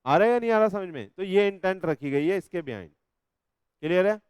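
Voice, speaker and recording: A man with a high, smooth, resonant voice lectures on law. He keeps checking whether the class follows him and reads legal passages slowly. The sound is close and dry. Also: dry recording. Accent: Hindi. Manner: animated, coaxing students with repeated checks. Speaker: law teacher.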